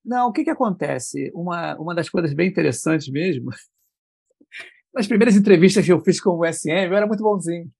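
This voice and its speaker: Animated, gravelly-voiced man. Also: high-pitched, a little fast, no echo, clean studio sound. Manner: lively, colloquial, animated storytelling. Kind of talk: casual conversation.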